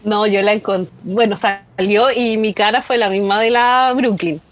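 A woman co-hosting a casual chat, expressive and descriptive as she talks. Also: mid-range voice, unhurried.

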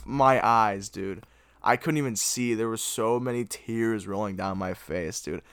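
A young man hosting a podcast, reviewing a movie in casual chat, excitable and gushing, with lots of filler words. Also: lowish voice, slow pace, clear, resonant tone, dry recording, clean studio sound. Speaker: podcast host.

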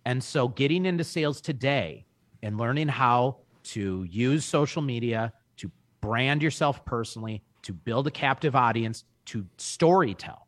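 A man in his early forties, talking in a casual podcast chat with an emphatic, energetic salesman's delivery. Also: medium pitch, moderate pace, dry recording. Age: 40s. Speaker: guest.

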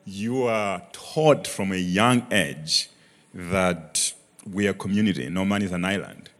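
On stage in a large, echoing church auditorium, a young Malawian man with a Malawian accent tells his story earnestly as a guest in a church interview. He speaks at a low pitch and a measured pace.

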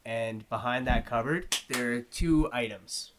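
A young man hosting a casual chat show, relaxed and quick to laugh. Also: medium pitch, background noise. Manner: laid-back, laughs often. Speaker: show host.

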